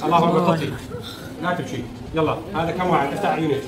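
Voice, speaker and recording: A man, a faith healer leading a public healing session, loud and commanding as he urges people on. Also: a little high, steady tone, rapid-fire, background noise. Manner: loud, commanding, urging and encouraging. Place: large indoor hall. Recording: echoey hall from far off, loud crowd.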